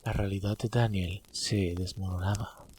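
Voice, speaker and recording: A man's voice: low voice, steady tone, moderate pace, a little mellow, slight background noise. A man narrating a horror story as a dramatic storyteller.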